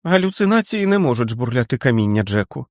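Brief: a frightened feverish boy, pleading and tearful, very high and thin, dry close sound. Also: expressive, normal speed, no room sound. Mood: feverish insistent. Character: feverish frightened teenage boy, whimpering like a small child.

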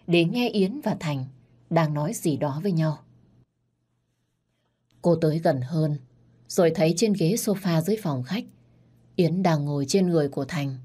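A woman narrating a dramatic story, reading every part herself and rising loud and high in the quarrels. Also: lively intonation, moderate pace, pauses often, slightly rough. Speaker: storyteller narrating all parts.

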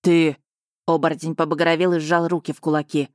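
An audiobook narrator reading a fantasy romance in an even, unhurried way, close to the mic. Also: mid-range voice, dry recording. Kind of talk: scripted narration.

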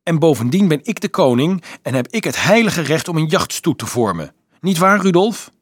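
A shrill, gleeful little boy archer, as a man reading an audiobook puts him on. His raised voice leaps about with excitement, with a husky edge and a dry, close sound. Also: moderate pace, no room sound. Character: excitable small boy archer, eager king.

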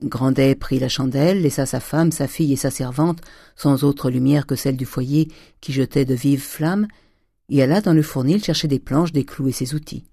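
A measured, steady audiobook reading of a classic novel. The tone is dark and mellow, and the recording is dry with no room sound. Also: mid-range voice, no echo. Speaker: audiobook reader. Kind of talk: scripted narration of a classic novel.

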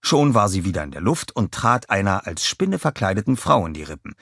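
A male audiobook narrator with a low, somewhat husky voice, reading with lively, varied expression. The recording is dry and close, with no room sound. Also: brisk, no room sound. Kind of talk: scripted narration.

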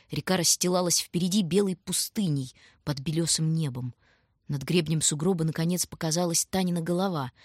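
A woman reading a story aloud in scripted, measured and dramatic narration. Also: lowish voice, slightly rough, no room sound, clean studio sound. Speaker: audiobook reader.

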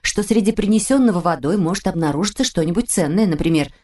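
A woman narrating a children's audiobook in a calm, expressive storytelling manner. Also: lowish voice, fast. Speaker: audiobook reader.

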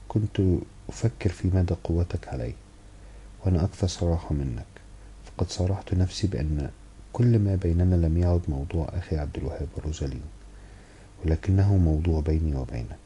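A man reading the lines of a lively, outspoken young woman student in a novel, brisk and frank. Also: deep voice, a little hiss or hum, lightly acted. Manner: brisk, frank, talks without pause. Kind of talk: audiobook character reading.

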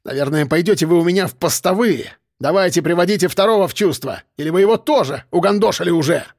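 A man voicing a furious, foul-mouthed middle-aged police chief who yells and sneers at his men. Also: fast talker, dry recording, studio quality. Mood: scornful. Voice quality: shrill, yelling. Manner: screaming abuse, sneering mockery.

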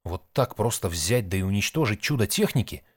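A man's voice: on the low side, animated, a little fast, breathy edge, no echo, clean studio sound. A man reading an audiobook, voicing a curious, wry male space explorer.

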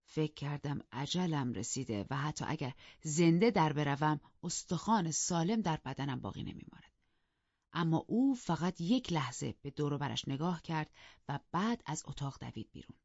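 A woman narrating an audiobook in a measured storytelling manner. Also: low-pitched, lively intonation, a little mellow, dry recording, dull audio. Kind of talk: scripted narration.

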